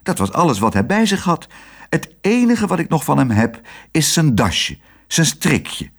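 A man reading aloud, voicing a flustered nurse in a high, wailing falsetto. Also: very animated, unhurried, breathy edge, full character voice. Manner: wailing, desperate, high-pitched. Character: shrill flustered middle-aged nurse woman.

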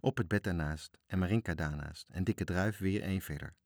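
A man reading a children's story aloud, with lively, expressive narration. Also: low-pitched, fairly quick, no room sound, clean studio sound.

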